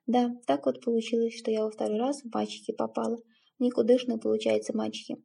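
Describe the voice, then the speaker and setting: A woman's voice: fairly high pitch, flat delivery, vocal fry, mellow, slightly rough, exaggerated voice. Woman reading as a guilt-ridden tearful stepmother. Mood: guilty, tearful. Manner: tearful, halting, self-reproaching.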